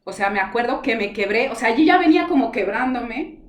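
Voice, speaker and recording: Woman, fairly high voice, heartfelt storytelling, acts out dialogue, echoey room. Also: expressive, brisk. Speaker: spiritual guide telling her story. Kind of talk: personal testimony in conversation. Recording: roomy echoey sound.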